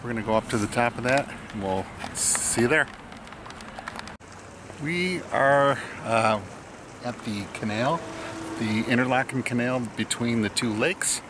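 Talking a little slowly in a mid-range voice, a middle-aged vlogger gives casual, enthusiastic tour-guide narration outdoors, by a canal and on a mountain train. Crowd chatter and the sounds of trains and streets surround him.

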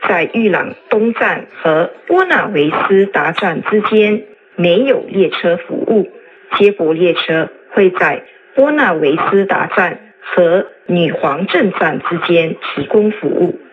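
A woman making polite, formal announcements to commuters over a public address loudspeaker. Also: lowish voice, lively intonation, slow. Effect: played over a station loudspeaker. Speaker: station announcer. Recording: muffled loudspeaker sound.

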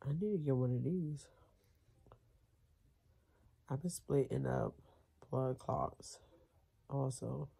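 An American woman in her thirties with a congested, nasal voice, chatting casually to camera in a tired, halting way while recovering from surgery. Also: very deep voice, warm tone. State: recovering from nose surgery with a headache. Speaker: vlogger. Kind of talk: casual vlog chat to camera. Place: bedroom, reclining in bed, indoors. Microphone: camera or phone at close range. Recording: clear background noise, home camera.

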